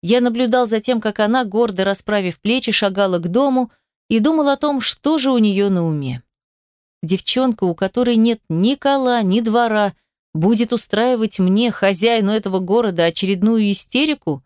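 A woman narrating an audiobook in the first person, with an even, measured reading. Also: medium pitch, clear, resonant tone, no room sound, studio quality.

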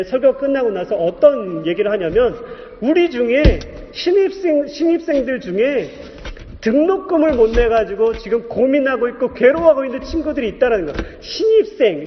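A man in his thirties, a pastor preaching a testimony, telling his story in an animated way and acting out the voices in it. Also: very high-pitched. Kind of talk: sermon testimony. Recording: dull echoey hall recording.

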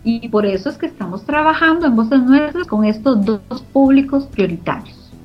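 In a muffled, lo-fi recording with background music, a middle-aged woman speaks with a Costa Rican Spanish accent, her fairly high voice carrying lively intonation at a moderate pace. As co-founder of a community radio organization, she answers interview questions earnestly and emphatically, repeating phrases for weight.

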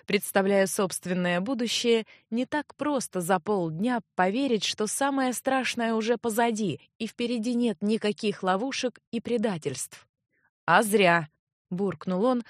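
In this clean studio recording with no room sound, a woman with a mid-range voice narrates a fantasy audiobook. She delivers the scripted text in a steady, measured storytelling style.

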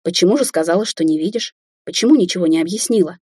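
A woman's voice: fairly low pitch, fast, a little mellow, husky, no room sound, clean studio sound. A woman voicing a troubled, guarded young heroine in an audiobook, speaking in a suspicious, earnest way. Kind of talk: audiobook character voice.

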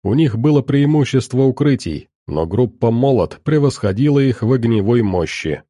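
A man giving steady scripted audiobook narration of an action story. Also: mid-range voice, normal speed, dry recording, clean studio sound.

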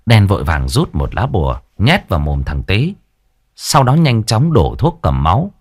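Lively storyteller, man. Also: lowish voice, normal speed, husky. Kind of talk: ghost story narration.

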